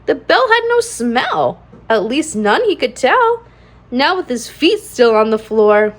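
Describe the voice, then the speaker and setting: The host of a children's read-aloud channel, a high-pitched woman, reads a storybook animatedly and slowly to young children. She uses a singsong, rhyming cadence with expressive emphasis.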